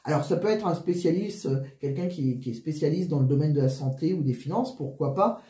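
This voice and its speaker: A woman giving a casual card reading, wheezy and short of breath with flu, halting and often restarting her phrases. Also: deep voice, animated, warm tone, echoey room. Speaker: tarot card reader.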